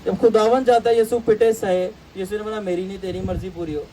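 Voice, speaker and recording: A man teaching a Bible class, animated and storytelling, mixing English phrases into his talk. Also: high voice, recorded from a distance, a little hiss or hum, low-quality recording. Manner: animated, acts out voices in anecdotes; mixes English phrases into Urdu.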